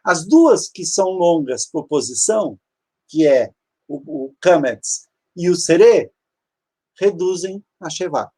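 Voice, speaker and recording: A man's voice: a little high, animated, slow, mellow, breathy edge. Patient male grammar teacher. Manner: patient, explanatory, repeats terms, walks through slides. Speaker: Hebrew teacher. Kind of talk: online grammar lesson.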